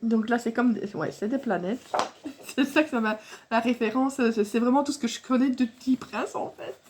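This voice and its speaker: A woman chats casually to camera about her craft supplies in a slightly high voice. She rambles and loses her thread, fills gaps with hesitations and laughs often. A faint hiss sits behind her voice. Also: moderate pace. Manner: rambling and chatty, with many fillers and restarts; laughs often while talking. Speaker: scrapbooking vlogger showing a craft haul.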